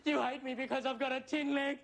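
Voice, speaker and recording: A sitcom comedian with a high, creaky male voice rants in a whiny, hysterical, melodramatic way, though his delivery stays flat and brisk. It's scripted sitcom comedy, recorded noisily with crowd sounds and loud studio audience laughter.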